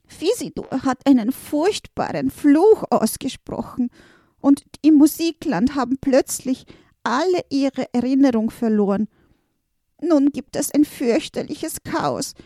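A woman plays a small round note creature, male, in a state of panic. He pleads in a high, strained voice, recorded close and dry. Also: dark tone, no echo, exaggerated voice. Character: frantic little male quarter-note creature.

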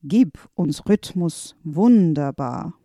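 A woman voicing an old, grey-bearded male music wizard in a children's storybook, speaking calmly and slowly. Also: a little high, dry recording, studio quality, heavily acted. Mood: incanting.

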